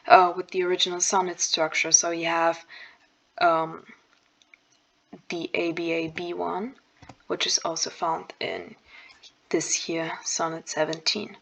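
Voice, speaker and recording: A young woman calmly talking through a poem's structure over slides, thinking aloud with fillers and the odd self-correction. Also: fairly low pitch, measured pace, gravelly, pauses often, rough recording. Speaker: student explaining a poem. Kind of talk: casual explanatory lesson over slides.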